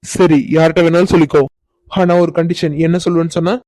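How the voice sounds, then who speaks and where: A woman voicing a teasing, cocky young village man in a cartoon, with an unhurried, mock-innocent manner. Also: lowish voice, level tone, warm tone, no echo, natural voice. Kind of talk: cartoon voice acting.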